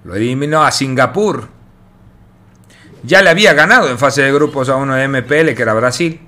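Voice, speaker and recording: A man's voice: mid-range voice, expressive, brisk, pushed and bright. A man with a Latin American Spanish accent commentating a video game play by play like a fighting game announcer, slangy and sweary, repeating phrases in bursts. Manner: foul-mouthed, slangy, exasperated ribbing of players. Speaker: esports commentator.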